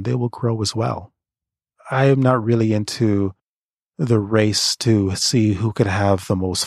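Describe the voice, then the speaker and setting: Earnest man, low dry voice. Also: breathy edge, no room sound. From Canada. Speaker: writer giving creative career advice. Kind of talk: motivational monologue.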